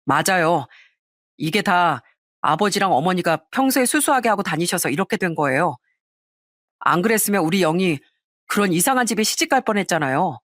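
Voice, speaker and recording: A woman's voice: lowish voice, animated, fairly quick, fairly bright tone, no room sound, clean studio sound. A woman voicing an earnest adult older brother who agrees with his father, in an audio story.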